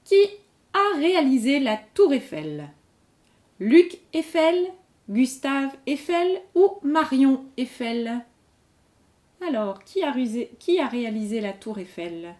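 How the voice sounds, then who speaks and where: In a high, darkish voice full of big pitch swings, the host takes her time reading a general-knowledge quiz. Every question comes twice, slowly and clearly, with a patient explanation of the answer.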